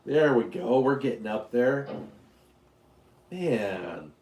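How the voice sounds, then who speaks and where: A man's voice: medium pitch, lively intonation, slow pace, darkish tone, roomy sound. A man from Utah hosting a casual live stream, rambling, joking and answering questions from his chat. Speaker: YouTube livestream host.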